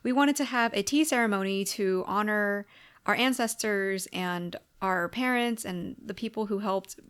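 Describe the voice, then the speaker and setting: A young American woman who runs a tarot YouTube channel chats in a casual sit-down video diary, leaning heavily on fillers. English is her first language, and her mid-range voice is fairly bright and clean, paced in a measured way and picked up by a camera mic.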